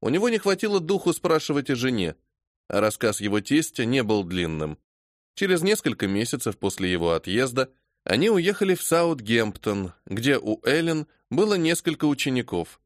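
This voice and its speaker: Measured male audiobook narrator. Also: mid-range voice, no room sound, clean studio sound. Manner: measured, even reading. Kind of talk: scripted narration.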